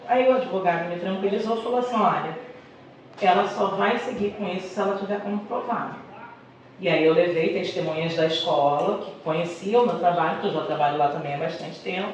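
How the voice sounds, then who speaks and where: A middle-aged Brazilian schoolteacher, a guest in an interview, tells personal stories in a conversational way. Her voice sits fairly low and moves fairly quickly. She's recorded far from the mic in an echoey indoor room with a noisy background.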